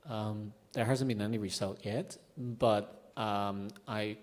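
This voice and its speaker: A man's voice: fairly low pitch, fairly even intonation, takes it slowly. A man speaking as a conference panelist in a hesitant way, with many fillers. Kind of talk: panel discussion.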